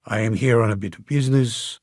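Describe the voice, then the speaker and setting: A man reading an audiobook, voicing a courteous, formal gentleman from northern Portugal. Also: fairly low pitch, brisk, no echo, clean studio sound, natural voice. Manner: formal and polite.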